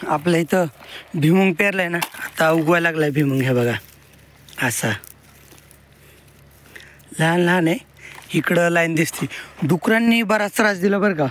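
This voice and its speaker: A man's voice: a little high, moderate pace, pauses often, fairly bright tone, a little hiss or hum. A man narrating a casual farm vlog outdoors, walking the viewer through his fields and animals. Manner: explains his fields and animals to the camera while working. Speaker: farmer vlogger.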